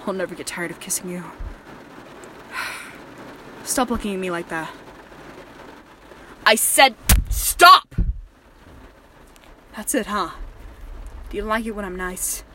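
A woman's voice: mid-range voice, slight background noise. A woman voicing a volatile, possessive male killer in an audio drama, speaking in a controlling, threatening manner. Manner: menacing and controlling, soft-spoken then raging. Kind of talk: erotic horror audio drama.

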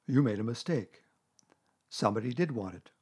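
A man voicing a humble, slow-witted, gentle bear in a children's storybook, speaking in a simple, dreamy, earnest way. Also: mid-range voice, expressive, slightly rough. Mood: solemn.

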